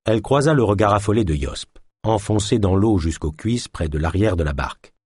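Husky low male audiobook narrator. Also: a little fast, no echo, studio quality. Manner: expressive storytelling. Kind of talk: scripted narration.

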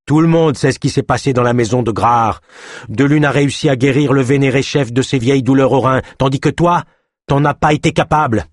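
A man's voice: medium pitch, fairly quick, no echo, studio quality, voice pushed up, natural voice. A man voicing a defiant old female healer who scolds her accuser. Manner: scolding, sharp retorts.

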